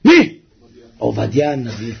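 A man preaching a sermon, swinging from hushed murmurs to wailing shouts and chanting scripture. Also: medium pitch, huge pitch swings, creaky, husky, highs cut off.

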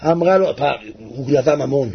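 A man preaching a sermon, swinging from hushed murmurs to wailing shouts and chanting scripture. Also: mid-range voice, expressive, gravelly, muffled recording, slight background noise.

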